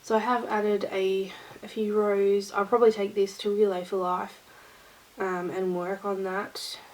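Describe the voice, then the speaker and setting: A woman's voice: mid-range voice, level tone, unhurried, darkish tone, rough recording. A woman hosting her own knitting vlog, talking to camera in a rambling, easygoing chat. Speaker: knitting vlogger.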